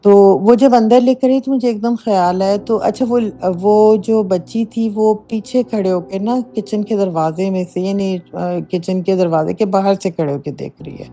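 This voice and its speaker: A woman's voice: medium pitch, steady tone, hardly any pauses, warm tone. A middle-aged woman casually recounting a true haunting from her own home, talking emphatically with many fillers, recorded as a voice note. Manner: emphatic, conversational storytelling with frequent fillers. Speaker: listener sharing a personal story. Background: faint background music.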